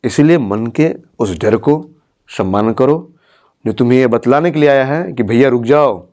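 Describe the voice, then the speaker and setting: A man's voice: mid-range voice, moderate pace, darkish tone. Male teacher, encouraging, motivational, asks checking questions. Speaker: teacher and counselor. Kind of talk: motivational talk to a student.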